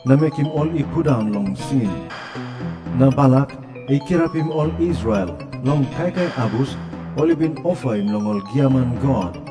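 Male scripture reader, Papua New Guinean accent, solemn scripted delivery, mid-pitched voice, clear music bed behind. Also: big-room sound.

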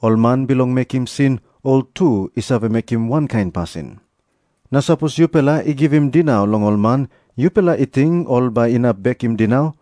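Mellow Papua New Guinean man reading scripture. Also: mid-range voice, moderate pace, no echo. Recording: music behind the voice. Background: background music.

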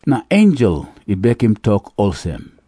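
A man's voice: on the low side, huge pitch swings, unhurried, mellow, a little hiss or hum. A man with a Papua New Guinean accent narrating scripture as a story in Papua New Guinean Pidgin.

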